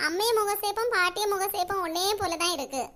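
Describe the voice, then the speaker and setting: High sharp bright voice, fussy cartoon family woman, woman voicing her, scolding. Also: fairly quick. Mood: fussing.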